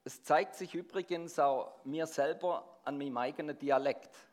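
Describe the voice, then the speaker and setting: A middle-aged preacher from near Stuttgart speaks at a moderate pace in a fairly high voice with a darkish tone. His accent is Swabian with a Swiss German tinge, and he pulls the congregation in by asking them questions.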